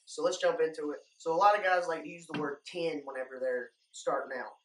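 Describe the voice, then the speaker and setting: A man's voice: fairly high pitch, steady tone, a little fast. A young man giving a casual, plain-spoken how-to talk to viewers as an instructor. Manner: informal, plain-spoken, addressing viewers as guys. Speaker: duck calling instructor, video host. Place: indoor room lined with duck decoys. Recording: echoey room, distant microphone.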